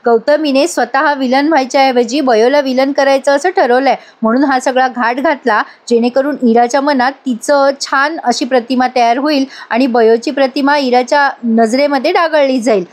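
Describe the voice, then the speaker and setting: A woman's voice: high voice, fairly even intonation, moderate pace, few pauses. A woman narrating a voice-over review of a TV serial episode. She speaks straight to her viewers and reads out each character's lines herself.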